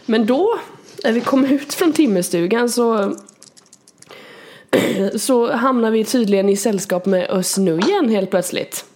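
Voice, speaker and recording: A woman co-hosting a podcast, chatting casually and telling an animated story with frequent laughter. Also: a little high. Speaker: podcast co-host.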